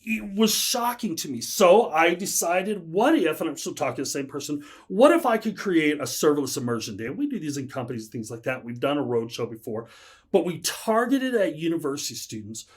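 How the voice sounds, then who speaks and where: A man's voice: a little high, a little fast, husky. A man, a guest on a podcast, chatting casually and telling stories with lots of laughter and restarts. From United States. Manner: animated storyteller, laughs often, many restarts.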